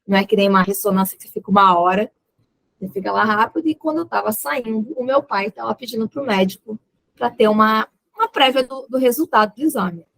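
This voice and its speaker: Gravelly Brazilian young woman storyteller. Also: fairly high pitch, fast talker, dry recording, low-quality recording. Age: young adult. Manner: lively retelling that acts out quoted dialogue, with laughs. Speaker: podcast guest. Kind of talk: personal storytelling in a podcast interview.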